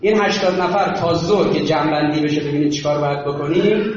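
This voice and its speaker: A man giving an impassioned sermon that mixes stories with shouted refrains and drops to low, quiet asides. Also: slight background noise. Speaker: religious political speaker. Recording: very echoey, muffled hall recording.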